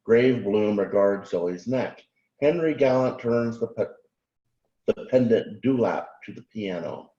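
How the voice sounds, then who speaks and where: A man in a class reading a novel aloud haltingly, correcting his own slips, heard from off mic. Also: fairly low pitch, expressive, dark tone, echoey room, dull audio.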